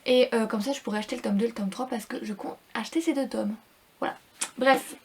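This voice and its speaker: A woman's voice: on the high side, fairly even intonation, fast, slight background noise. A young woman, reviewing a book in a casual, rambling vlog full of repeats and fillers.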